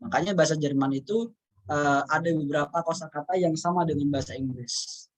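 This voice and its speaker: A man teaching a casual spoken lesson, explaining patiently, repeating words and reading example sentences out slowly. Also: on the high side, low-quality recording. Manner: reads English examples out slowly. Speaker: English teacher.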